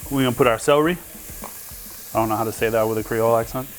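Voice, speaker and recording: A man's voice: mid-range voice, fairly even intonation, very fast, a little hiss or hum. A man in his forties chatting casually and rambling as he cooks, swearing now and then. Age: 40s. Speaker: home cook host. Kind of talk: casual cooking chat.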